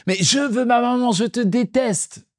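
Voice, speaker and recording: A man voicing his three-year-old son in a tantrum, with high, whiny cries. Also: measured pace. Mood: wailing.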